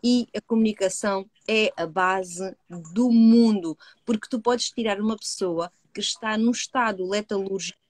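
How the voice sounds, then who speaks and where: A woman with a European Portuguese accent, a hypnotherapist co-hosting a live discussion, earnest and measured, who asks rhetorical questions and then answers them. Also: mid-range voice, dry recording. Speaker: co-host, hypnotherapist. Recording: dry close sound.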